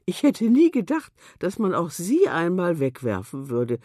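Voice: huge pitch swings, measured pace, dark tone, no room sound, clean studio sound. A narrator voicing a curious, blunt woman who sounds astonished, in a storybook. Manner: astonished, high-pitched.

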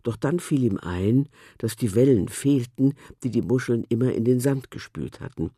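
A narrator reading a children's storybook aloud in a gentle, expressive way. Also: mid-range voice, moderate pace, breathy edge, no echo, clean studio sound.

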